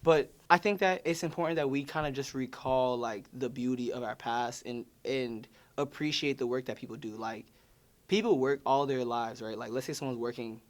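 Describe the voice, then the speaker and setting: A man's voice: medium pitch, normal speed. A man, answering interview questions in a loose, rambling way, full of "like" and "you know". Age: 20s. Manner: loose and rambling, heavy use of "like". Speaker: featured artist. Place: studio or room.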